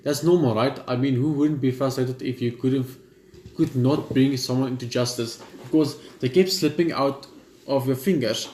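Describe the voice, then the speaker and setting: In a roomy-sounding recording with slight background noise, a man speaks at normal speed with a medium-pitched, darkish voice. He runs a gaming channel and is reading a visual novel's text aloud, chatting casually between passages, stumbling, with the occasional offhand swear.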